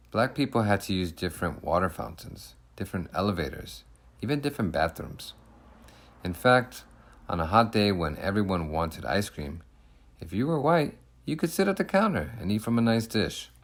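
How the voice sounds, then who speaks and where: A low-voiced man reads a children's picture book aloud, speaking in the first person. His phrasing is emphatic and deliberate, and his intonation rises and falls in a very lively way.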